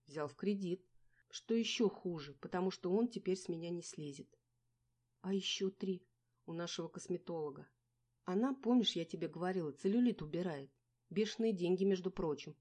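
Woman voicing a shrill young woman in debt, snappy, irritable, high and loud, storybook. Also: moderate pace, close to an everyday voice. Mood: snappy, grumbling. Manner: snappy, exasperated arguing. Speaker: character in an audiobook.

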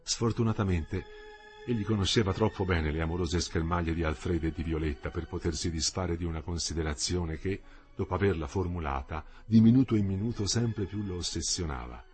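Man reading a novel aloud, lowish voice, calm and measured, faint music under it. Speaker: audiobook narrator. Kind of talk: literary audiobook narration.

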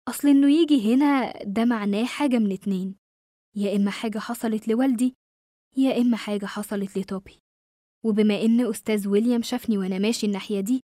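A woman with an Egyptian Arabic accent narrating a horror story in a steady, suspenseful tone. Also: medium pitch, no room sound, clean studio sound.

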